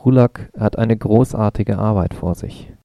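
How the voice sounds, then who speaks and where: Ein Mann spricht einen traurigen, unsicheren jungen Vater. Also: male voice, lowish voice, a little slow, vocal fry, no room sound, highs cut off. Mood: sad, soothing. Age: 30s. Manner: soft, unsteady. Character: sad, tall young father around thirty.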